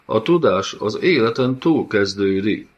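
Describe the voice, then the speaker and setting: Dana, a man reading an undead woman with eerie calm. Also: on the low side, breathy edge. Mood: eerie, taunting. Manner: slow, eerie calm with ghastly taunts. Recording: dull lo-fi audiobook recording.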